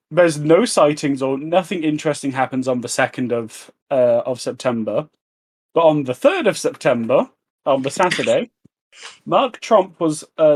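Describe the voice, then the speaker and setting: A man's voice: on the high side, darkish tone. A man co-hosting a podcast, recapping events in casual, hesitant talk. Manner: hesitant, with fillers and restarts. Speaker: podcast co-host. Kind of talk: casual chat, recapping a case.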